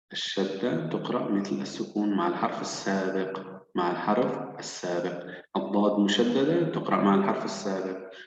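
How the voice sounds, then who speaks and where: Patient low-voiced male teacher, echoey hall. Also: darkish tone. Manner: slow, patient, drawn-out syllables. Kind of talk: children's reading lesson. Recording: echoey, dull, hall-like room.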